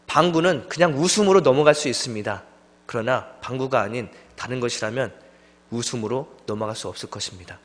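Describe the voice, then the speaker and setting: A man's voice: mid-range voice, brisk. Young male preacher in echoing church. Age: young adult. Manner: lively storytelling, acts out friends' voices. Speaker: junior pastor. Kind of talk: sermon. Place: church sanctuary. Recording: long church hall reverb.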